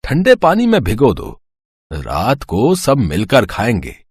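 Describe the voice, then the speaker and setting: A man voicing an easygoing older husband in a cartoon, calm and coaxing. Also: medium pitch, slow, breathy edge, no echo, clean studio sound, heavily acted. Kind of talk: animated storybook voice acting.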